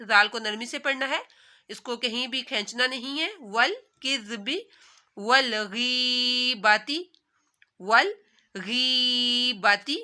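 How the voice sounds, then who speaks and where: A woman with a Pakistani Urdu accent teaching recitation, with a very bright, sharp tone and a slightly high voice. She chants each word slowly and stretched out, then rattles off the rule behind it in a quick explanatory voice. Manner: recites words slowly and drawn out, then explains rules rapidly. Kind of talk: tajweed lesson, alternating slow recitation and quick explanation.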